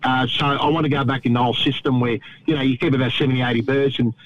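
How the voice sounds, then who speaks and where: A man's voice: medium pitch, steady tone, fast talker. A middle-aged Australian man chatting casually in a plain-spoken, rambling, matey tradesman manner, often dropping in "you know". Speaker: guest, veteran pigeon racer. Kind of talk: casual phone-in chat. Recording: dull, lo-fi radio interview audio.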